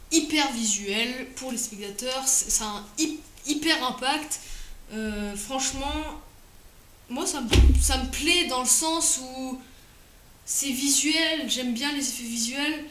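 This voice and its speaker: High-voiced hesitant woman reviewer. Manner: hesitant, frequent fillers and restarts. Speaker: product reviewer. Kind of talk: casual video review. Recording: roomy echo, faint noise.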